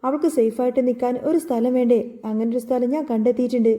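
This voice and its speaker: A woman's voice: a little high, fairly even intonation, fast, dark tone, natural voice. A woman reading as a weary, grieving father. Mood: gentle. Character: grieving middle-aged father, gentle and weary.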